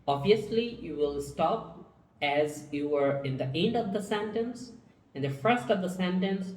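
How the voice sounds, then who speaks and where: Slow, low-voiced woman examiner. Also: a little mellow. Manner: formal, measured questioning. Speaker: test examiner. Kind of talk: scripted exam questions. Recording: echoey room, far from the mic.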